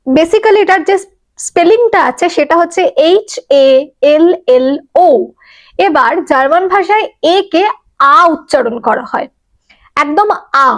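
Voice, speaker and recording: A woman teaching a casual beginner language lesson, slowly drawing out example words and checking that learners follow along. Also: very high-pitched, animated. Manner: explains slowly, drawn-out German example words; asks learners questions and checks understanding.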